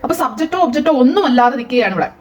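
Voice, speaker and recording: A Malayali-accented woman teacher talks through a grammar lesson at a very quick clip. Her voice sits a little high. She throws questions at the class and answers them herself, slipping English phrases into her explanation. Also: animated, lo-fi sound.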